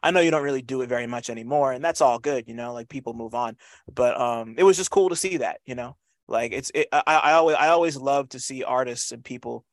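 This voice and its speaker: A man's voice: medium pitch, dry recording, studio quality. A man talking casually in an interview, repeating words as he feels his way along, with loose slang and swearing. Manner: halting, repeats words, frequent "you know". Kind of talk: casual conversational interview talk.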